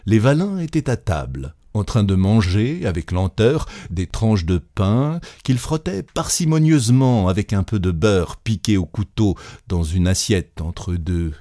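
A man reading a classic short story aloud with expressive, dramatic storytelling. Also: on the low side, measured pace, few pauses, no room sound, studio quality. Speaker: narrator.

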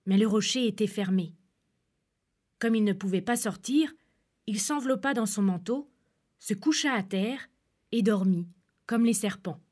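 A woman calmly reading a fairy tale aloud as storyteller. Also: on the high side.

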